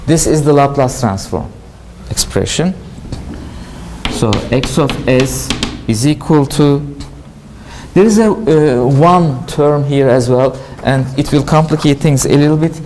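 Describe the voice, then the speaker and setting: A university lecturer with a Turkish accent, a native Turkish speaker, giving a classroom lecture and often asking questions, then answering them himself. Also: male voice, medium pitch, unhurried, darkish tone, slight background noise, rough recording. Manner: explanatory, asks and answers his own questions. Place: lecture hall.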